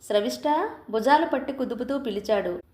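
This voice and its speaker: A woman reading a story aloud in a calm, measured scripted narration. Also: a little high. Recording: roomy echo.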